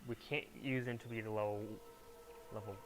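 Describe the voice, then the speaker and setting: A man's voice: lowish voice, fairly even intonation, quick pace, over music. A man giving casual commentary as he hosts his own video game challenge run. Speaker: gamer, challenge-run host.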